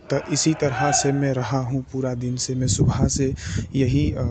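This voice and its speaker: A young man talking slowly and deliberately in a personal diary vlog, pausing often with fillers. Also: mid-range voice, background noise. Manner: slow, deliberate, hesitant with many fillers. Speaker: vlogger.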